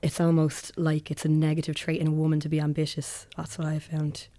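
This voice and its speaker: A woman's voice: sits low, completely flat delivery, a little fast, dark tone. An Irish woman in her late twenties, hosting and asking questions in a casual discussion. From Ireland. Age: 20s. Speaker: host. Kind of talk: moderating a discussion.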